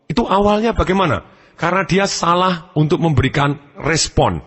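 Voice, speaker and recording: A man's voice: a little high, animated, moderate pace, a bit bright, husky, in a large hall. A man giving a motivational seminar lecture, speaking animatedly and acting out examples.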